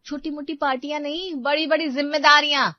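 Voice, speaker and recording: Brief: a woman playing a furious cartoon housewife, biting and sarcastic, high-pitched, dry lo-fi read. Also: expressive, normal speed, dry recording. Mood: scornful. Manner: harsh, shouting, sarcastic. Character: angry scolding young housewife. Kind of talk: cartoon storybook voice acting. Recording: dull lo-fi voice track.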